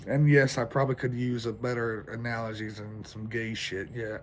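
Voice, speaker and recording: A man's voice: medium pitch, level tone, moderate pace, a little hiss or hum. A man venting in a rambling, stressed vlog monologue, sleepless and shivering outdoors in the cold, swearing a lot. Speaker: vlogger.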